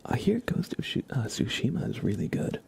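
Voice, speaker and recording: In a breathy, hushed whisper, a man rambles unhurriedly through a casual ASMR livestream. His voice sits at medium pitch but swoops wildly up and down.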